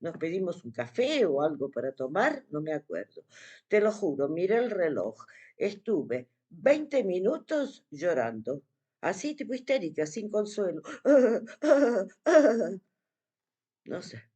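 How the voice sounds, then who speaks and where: Woman vlogger, casual storytelling to camera, very lively pitch, expressive and dramatic delivery. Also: slightly rough. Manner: animated, expressive retelling with dramatic pauses. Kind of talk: casual personal storytelling to the viewer.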